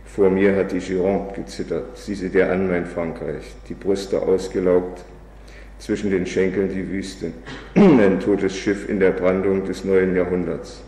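A man reading aloud as a bitter, drunken old male revolutionary, in a flat, weary recitation. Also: sits low, measured pace, far from the mic. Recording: echoey hall, faint background noise.

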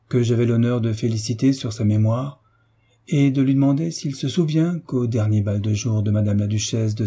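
A man reading the lines of an ironic, hunchbacked nobleman in a French audiobook, in a measured, slightly raised voice. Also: medium pitch, warm tone, husky. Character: marquis, hunchbacked older nobleman, ironic and cool.

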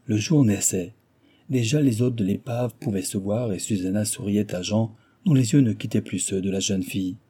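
A man narrating an audiobook in a measured, even reading. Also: lowish voice, breathy edge. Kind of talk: scripted narration.

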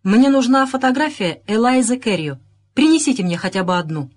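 Woman narrator plays an irate male inspector, shouting and bossy, pitched up and lively. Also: a little fast. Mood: commanding. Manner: barking, shouting orders. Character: irate male police inspector, gruff and commanding.

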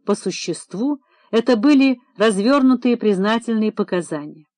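A woman's voice: a little high, lively intonation, normal speed, mellow, dry recording. Woman narrating a detective audiobook. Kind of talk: scripted narration.

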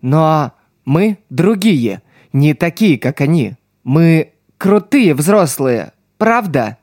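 A man reading an audiobook, voicing a wounded, dying street girl who speaks slowly through the strain. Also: fairly high pitch, big pitch swings, darkish tone, no room sound, clean studio sound, full character voice. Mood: weak, urgent. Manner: slow, strained, fading speech.

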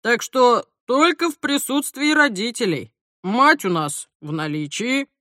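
A tired, stern police major, read by a woman speaks in a gruff, businesslike tone. His bright delivery swings lively up and down, and the sound is close and dry. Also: on the high side, measured pace, no echo. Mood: stern official. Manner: gruff, official, sighing.

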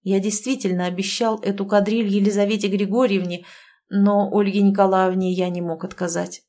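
A woman's voice: mid-range voice, little pitch movement, moderate pace, lightly acted. A woman voicing a remorseful young officer. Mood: apologetic. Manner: quiet, apologetic.

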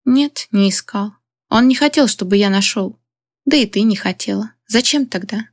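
A woman's voice: mid-range voice, moderate pace, no echo, studio quality, close to an everyday voice. A woman reading the part of a weary, guarded older father, speaking in a muted way.

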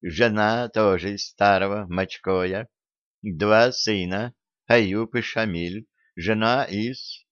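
A man's voice: lowish voice, steady tone, slow pace, fairly bright tone, no room sound, lo-fi sound. A man voicing a hunched old village woman who answers matter-of-factly, in an audiobook reading. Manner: matter-of-fact, counting off.

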